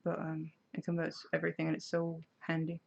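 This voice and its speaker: Gravelly-voiced woman chatting on stream. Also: sits low, completely flat delivery, a little fast. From Denmark. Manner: chatty, reads out viewer comments and answers them. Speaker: craft live streamer. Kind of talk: casual live stream chat while crafting. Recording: slightly dull lo-fi sound.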